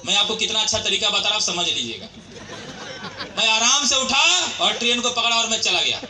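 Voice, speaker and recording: A man's voice: high voice, lively intonation, fairly quick. A man giving a motivational storytelling speech at a company event, addressing the crowd as friends and asking them questions. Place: large event hall. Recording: echoey hall.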